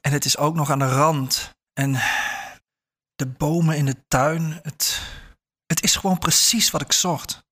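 A man's voice: a little high, fairly even intonation, a little slow, a bit bright. A man reading a story aloud and voicing a nervous, stout businessman who stammers and hesitates. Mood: hesitant.

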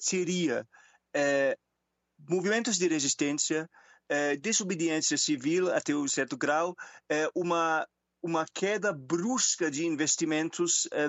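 A man from Germany speaking Portuguese as a second language with a German accent, giving expert interview commentary in halting phrases with repeated words, over an internet call. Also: on the high side, a bit bright, no room sound, muffled recording. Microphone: Skype call.

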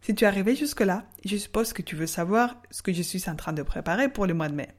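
A woman teaching Spanish on a podcast lesson, speaking slowly and drawing out model words for the listener to repeat. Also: medium pitch, animated. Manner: slow, carefully spelled-out model words for repeating.

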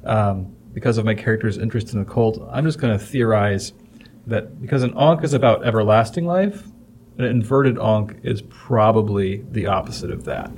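A man's voice: lowish voice, lively intonation, moderate pace, darkish tone, a little hiss or hum. A man talking through his move at a tabletop game. He thinks aloud and hedges with small fillers. A light wash of room ambience sits behind him. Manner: thoughtful, hedging with fillers. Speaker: player. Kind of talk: tabletop play.

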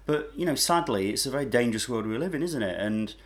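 A man's voice: medium pitch, lively intonation, fast. A man co-hosting a casual chat, talking with frequent restarts and strong opinions. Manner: hesitant, restarts often, opinionated. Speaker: podcast co-host, former mental health worker.

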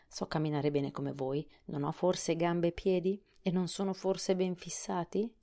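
A woman's voice: fairly low pitch, level tone, measured pace, warm tone. Woman playing a solemn pumpkin-headed man. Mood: earnest. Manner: serious, mildly reproachful.

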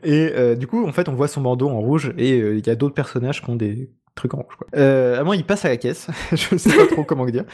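A man's voice: medium pitch, animated, a little fast, few pauses, a little mellow. Casual man retelling things with wry humour. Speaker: co-host of a film discussion. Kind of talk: casual comic storytelling.

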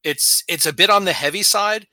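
A man from New York co-hosting a podcast, his voice very bright and sharp against a dry, close sound. He talks with eager enthusiasm and rambles through restarts as he explains. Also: sits high, moderate pace, no room sound. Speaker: podcast co-host. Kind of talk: casual podcast chat.

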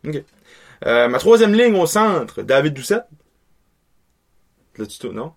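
Laid-back man, slightly high voice. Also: sing-song, slow pace. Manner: laid-back, short replies, lists picks. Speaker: podcast co-host. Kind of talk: casual hockey chat.

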